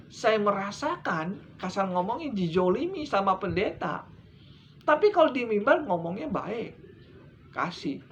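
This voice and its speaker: A middle-aged man preaching a sermon with emphatic delivery, pitch climbing high for stress and then dropping low and quiet. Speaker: evangelist preacher. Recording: slightly dull lo-fi recording with faint noise.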